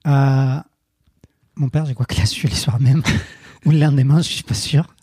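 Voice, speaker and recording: Man in his 30s, guest storyteller, very dark husky tone, halting delivery. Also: medium pitch, fairly even intonation, no echo, studio quality. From Colombia. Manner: halting, many restarts and fillers. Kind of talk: personal storytelling interview.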